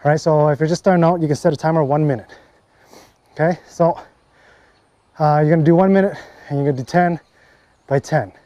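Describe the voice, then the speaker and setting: A man giving casual workout instruction as a fitness coach, relaxed and full of fillers and "okay, right?" check-ins. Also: fairly high pitch, fairly quick, pauses often, no echo. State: briefly out of breath after a set.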